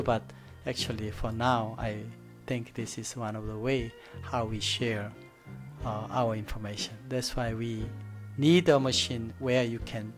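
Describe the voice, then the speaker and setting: A middle-aged man with a Korean accent, a native Korean speaker giving an informal, reflective presentation in halting English at a desk microphone. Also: medium pitch. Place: studio desk with a virtual set. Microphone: desk gooseneck microphone.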